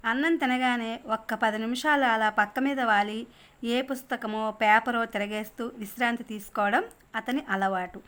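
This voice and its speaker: నవల చదువుతున్న కాస్త ఎత్తైన గొంతు గల స్త్రీ. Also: female voice, fairly high pitch, fairly even intonation, normal speed, a bit bright. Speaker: narrator reading a novel. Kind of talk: audiobook narration of a novel.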